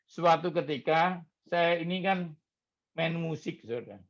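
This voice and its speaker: A man's voice: a little high, unhurried. A middle-aged man preaching a sermon, telling stories animatedly and acting out the voices he quotes. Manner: animated storytelling, acts out quoted voices, addresses congregation as "saudara". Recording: slightly dull lo-fi sound.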